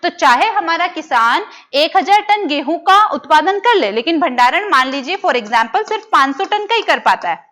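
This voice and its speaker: A woman's voice: high-pitched, expressive, normal speed, a bit bright. A young woman giving an exam-prep lecture who poses questions to her students, answers them herself and repeats the key terms. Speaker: teacher.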